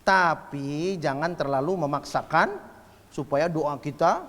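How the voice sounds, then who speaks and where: Man, preacher, high voice, jokey lecture style, long hall reverb. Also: unhurried. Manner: lively, jokes with the audience, asks questions and answers them. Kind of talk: religious study lecture.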